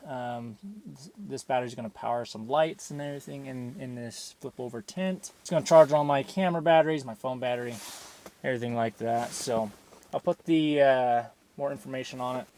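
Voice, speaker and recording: A man hosting a casual fishing vlog, talking in excitable bro slang. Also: mid-range voice. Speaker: host of an outdoor fishing channel. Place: outdoors in a snowstorm, later inside an ice fishing tent.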